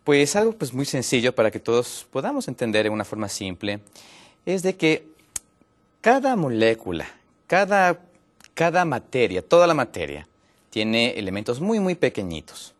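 An Ecuadorian man appears as a guest on a health program, patiently explaining a topic with frequent pauses and fillers. His voice is medium-pitched and very animated.

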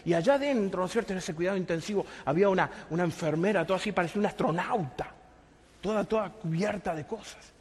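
Rich: A male pastor with a very high voice preaches in a big hall, and long reverb trails his words. He tells his story, then rises to shouted, emphatic lines and asks the crowd rhetorical questions. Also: fast talker, husky. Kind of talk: sermon.

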